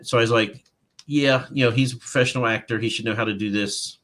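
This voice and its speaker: Male author guest, medium pitch, storyteller who acts out the quotes. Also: fast. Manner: animated anecdote-telling, acting out quotes. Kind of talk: casual interview storytelling.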